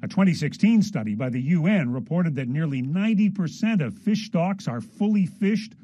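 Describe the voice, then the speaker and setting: A male reporter narrating a feature in an upbeat way, his voice high and very animated. The audio is dull, with clear background noise behind him. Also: moderate pace. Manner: upbeat feature-story delivery. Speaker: news correspondent. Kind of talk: scripted news feature.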